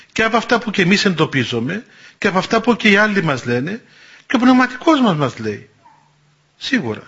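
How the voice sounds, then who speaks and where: Husky, lively older elder, lo-fi recording. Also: male voice, fairly high pitch. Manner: animated, folksy, chuckling at his own stories. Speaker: Orthodox elder and confessor. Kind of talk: spiritual talk answering questions. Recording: dull lo-fi recording.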